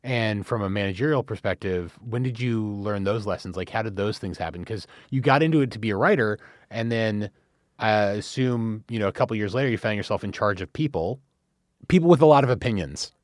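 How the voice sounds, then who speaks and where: A man's voice: lowish voice, expressive, fairly quick, no echo, clean studio sound. A man hosting a podcast, asking questions in a casual, joking way. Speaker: podcast host. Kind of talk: casual interview conversation.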